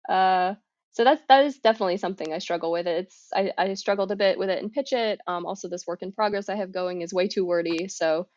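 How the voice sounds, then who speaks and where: A woman's voice: lowish voice, darkish tone, no room sound. Woman guest, slightly muffled dry audio. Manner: self-deprecating, informal, halting and thinking aloud. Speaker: author, podcast guest. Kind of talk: casual interview chat.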